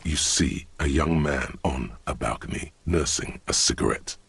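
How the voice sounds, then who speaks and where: A man playing the knowing, dry narrator of a detective's inner thoughts in a video game, deliberate and deadpan. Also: full character voice. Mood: brooding narration. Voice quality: very deep, gravelly.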